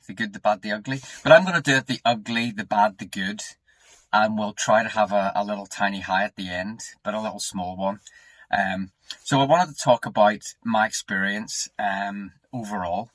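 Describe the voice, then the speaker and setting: British guy in his 40s, lowish voice bit husky, casual grumbly rambling vlog chat. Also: a bit bright, no room sound. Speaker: car owner making a review video. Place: echoey indoor space.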